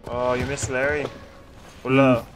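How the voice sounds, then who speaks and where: A man's voice: mid-range voice, little pitch movement, unhurried, background noise. A man captaining a pirate game crew, laughing often and walking teammates through each step. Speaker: ship captain and streamer. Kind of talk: casual gaming chat. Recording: loud game sound effects behind.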